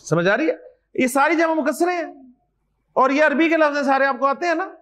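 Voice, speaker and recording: A man's voice: extremely high pitch, a little fast, pushed and bright. A man teaching an Arabic class as a lecture, drilling word pairs with his students in call and response and encouraging them as he goes. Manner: encouraging, addresses students directly.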